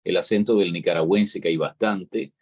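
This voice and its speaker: Husky Cuban man explaining at length. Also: sits low, normal speed, darkish tone. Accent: Cuban Spanish. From Cuba. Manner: lecturing, explanatory, peppers talk with "¿entiendes?". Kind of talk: casual talk-show conversation.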